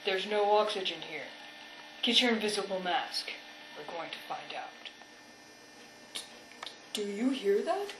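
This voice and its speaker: A woman's voice: mid-range voice, expressive, unhurried, pauses often, fairly bright tone, slight background noise, low-quality recording. A woman playing a bold, blustering male spaceship captain in campy radio-serial style, with grandiose exclamations.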